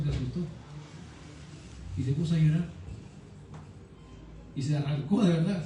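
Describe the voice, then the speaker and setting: Man preaching in an echoey room. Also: fairly high pitch. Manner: teaching, asks listeners "¿ya?" often. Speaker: pastor. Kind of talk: sermon. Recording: echoey room, distant mic, faint noise.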